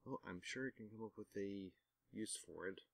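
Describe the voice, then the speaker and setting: A man with a very low voice talks through a game in a casual let's-play, his asides wry and self-mocking. The sound is dry and close, as if right at a desk mic. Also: moderate pace, vocal fry, no echo. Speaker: gaming commentator.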